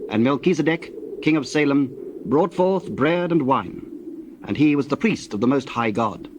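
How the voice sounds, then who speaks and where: Reading scripture from a script, a man narrates in a measured, solemn way. His pitch is medium and his intonation lively, with slight background noise.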